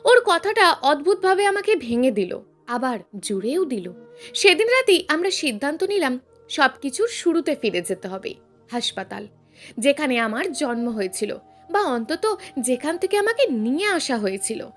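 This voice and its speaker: Brief: young woman storyteller with a high, lively voice, soft and emotional, over faint music. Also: moderate pace. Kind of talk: scripted narration. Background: faint background music.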